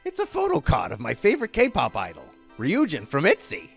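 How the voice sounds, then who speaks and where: A man's voice: a little high, huge pitch swings, brisk, creaky, breathy edge, faint music behind, full character voice. A man playing a jolly ghoul horror host, presenting in a campy, theatrical way with slangy, folksy address to his audience. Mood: affectionate, excited.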